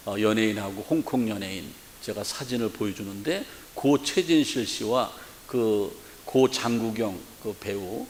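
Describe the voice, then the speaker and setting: Korean pastor preaching in a reverberant hall. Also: male voice, fairly high pitch. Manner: earnest preaching with rhetorical questions and fillers. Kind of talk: sermon. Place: church sanctuary. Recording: long church hall reverb.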